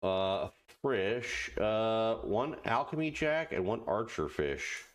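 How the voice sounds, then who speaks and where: A man giving casual let's play commentary, muttering halting asides to himself and reading on-screen text aloud. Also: on the low side, lively intonation. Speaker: gaming video host.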